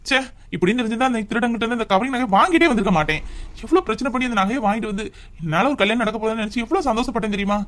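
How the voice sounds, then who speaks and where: A man playing an earnest young husband in a home drama, talking fast in a high voice, urging and advising with steady concern. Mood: apologetic. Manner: urgent, advising. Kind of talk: family drama skit.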